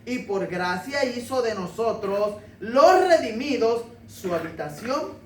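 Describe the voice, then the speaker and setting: A man's voice: very high voice, animated, slow pace, fairly bright tone. A male pastor preaching a conversational sermon with jokes and rhetorical questions to his congregation. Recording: roomy, distant mic, faint noise.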